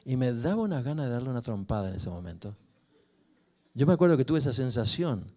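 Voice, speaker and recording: An older man, a pastor telling a personal story in a sermon with expressive rises and falls. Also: medium pitch, fast. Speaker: pastor and family counselor.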